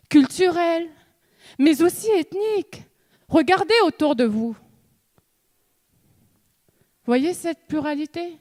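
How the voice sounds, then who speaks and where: A young woman from New Caledonia, a student giving a contest speech on stage with slow, measured delivery, dramatic pauses and repeated refrains. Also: sits high, darkish tone. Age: young adult. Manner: rhetorical questions and repeated refrains. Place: stage in a hall before an audience.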